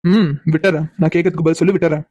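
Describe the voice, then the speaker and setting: A cocky, stubborn young man in a cartoon story, voiced by a woman, who teases and mocks without letting up. He speaks very fast in a low, flat, mellow voice. The recording is dry and close. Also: no echo, muffled recording, close to an everyday voice. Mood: teasing. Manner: teasing, insistent, mocking. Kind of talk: cartoon voice acting.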